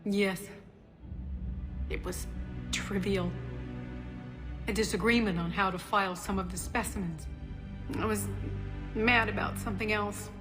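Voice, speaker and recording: A woman voicing a grieving young female scientist in video game dialogue, speaking in a hesitant, halting, emotional way, with game music behind. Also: mid-range voice, fairly even intonation, lightly acted.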